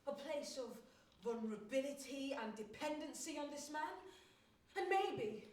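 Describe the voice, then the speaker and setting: A woman's voice: high voice, expressive, a little slow, a little mellow, distant mic. A young woman acting in a stage monologue, playing a recent graduate in a wry, self-mocking and dramatic way, laughing between her lines. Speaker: stage actress performing a monologue. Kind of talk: theatrical monologue. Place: theatre stage. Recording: roomy theatre sound from afar.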